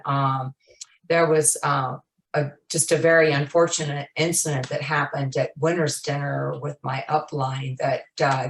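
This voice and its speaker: A woman in a group call who speaks in a halting, hesitant way with many pauses. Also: deep voice, slight background noise. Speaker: group member. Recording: echoey room.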